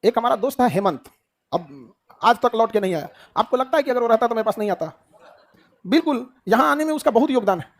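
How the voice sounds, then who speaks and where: Fast-talking Bihari teacher, man. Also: extremely high pitch, lively intonation. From Bihar, India. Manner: asks the class rhetorical questions and answers them himself, joking. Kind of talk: lecture to a class of students.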